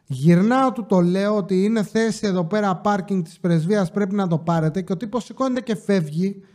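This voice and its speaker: Man with a warm, high voice telling stories. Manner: swears casually, quotes people in exasperated retellings. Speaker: podcast host telling stories from his security job. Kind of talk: casual storytelling monologue.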